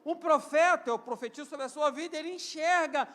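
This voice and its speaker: A Brazilian pastor in his fifties, with a Rio de Janeiro accent and an unusually high voice for a man, delivers a live church sermon in call-and-response style, having the congregation repeat lines and answer amen. He speaks fairly quickly, rising to loud, emphatic peaks before easing into quieter passages.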